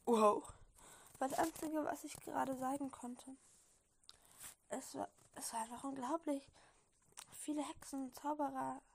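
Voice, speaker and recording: A woman with a high voice and a gravelly fry reads a fan story aloud in a casual way. She has a slight cold, and she keeps stumbling over words, giggling and correcting herself as she goes. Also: steady tone, measured pace, long pauses, darkish tone, a little hiss or hum. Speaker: reader.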